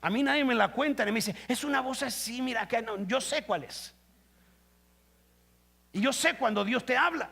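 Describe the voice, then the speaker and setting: A man preaching a sermon as pastor, swinging between loud emphatic bursts and low quiet stretches, asking the congregation questions. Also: normal speed, vocal fry, pauses often, breathy edge. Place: church. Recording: live stream.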